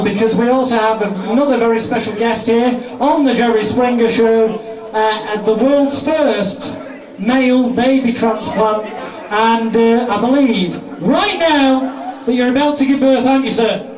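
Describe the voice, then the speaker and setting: Brash high-pitched British stage hypnotist man. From Britain. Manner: brash, sweary, commanding. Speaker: comedy stage hypnotist and show host. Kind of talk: bawdy live comedy stage patter. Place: live show in a large indoor venue. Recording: echoey crowded room, distant mic, noisy audience.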